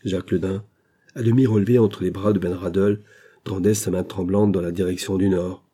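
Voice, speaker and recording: A man narrating a classic adventure novel as an audiobook, in a measured storytelling manner. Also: low-pitched, steady tone, dark tone, breathy edge.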